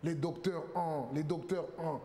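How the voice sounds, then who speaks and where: A man's voice: a little high, steady tone, a little slow, dark tone, a little hiss or hum. A man, a political guest on a TV talk show, arguing emphatically with rhetorical questions and repeated words. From Congo.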